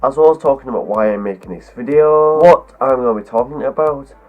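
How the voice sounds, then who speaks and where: A man with a cold hosts a video, delivering a scripted, rambling explanation to camera that strings clause after clause together. His voice is medium in pitch and deeper than usual from the cold, and he talks fairly quickly. The audio sounds narrow and tinny.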